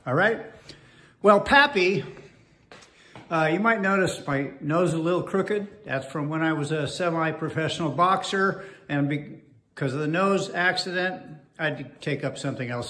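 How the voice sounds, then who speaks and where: In his sixties, this host runs a comic, rambling how-to demo in a home hallway, joking and playing around with plenty of fillers. His voice is fairly high, pushed and bright. Wireless earbuds capture it, and the hallway sounds echoey with faint noise.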